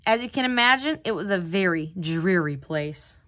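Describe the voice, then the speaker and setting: A woman's voice: fairly low pitch, animated, moderate pace, a bit bright. Woman reading a children's storybook aloud. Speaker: tutor hosting a children's read-aloud.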